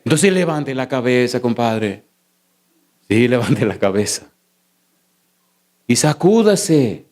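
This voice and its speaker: A man, a pastor preaching a sermon in a church, asking the congregation rhetorical questions and switching between slow stressed lines and rapid runs. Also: mid-range voice, big pitch swings, darkish tone. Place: church sanctuary. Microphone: sermon recording.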